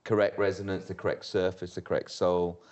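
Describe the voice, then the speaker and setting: A man's voice: sits low, flat delivery, fast talker, a little mellow. A man speaking as a developer guest on a panel, confident and joking as he answers. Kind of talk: casual panel chat.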